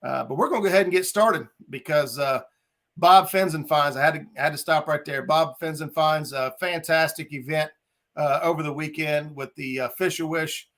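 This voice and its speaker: Man, podcast host, gravelly voice, slightly high, casual friendly chat. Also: moderate pace. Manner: friendly, filler-heavy, shouts out viewers.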